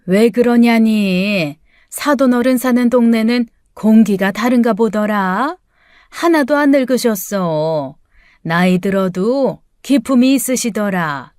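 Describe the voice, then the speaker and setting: A pushy older mother-in-law from an audiobook story, bossy and grumbling as she drawls out her orders, as a woman narrator puts her on. The voice sits fairly high. The recording is dry and close, with no room sound. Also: slow, darkish tone, no echo. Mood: coaxing.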